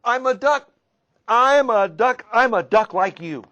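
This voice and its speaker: A man voicing a sly male fox who insists loudly and boastfully that he is a duck, in a storybook reading. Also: extremely high pitch, expressive, measured pace, voice pushed up, full character voice.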